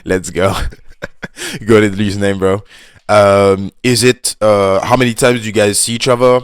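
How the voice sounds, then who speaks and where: A man hosting his own video, reacting casually and unscripted to a post, in a halting, loose way with many fillers, calling people "bro". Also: fairly low pitch, little pitch movement, smooth, no echo, studio quality. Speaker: YouTube host reacting to a reader's post.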